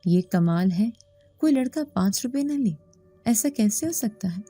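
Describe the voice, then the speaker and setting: A woman's voice: mid-range voice, animated, mellow, no echo, natural voice. A woman voicing a cheerful, teasing young village girl who is the narrator's friend in a storybook reading. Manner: playful, teasing.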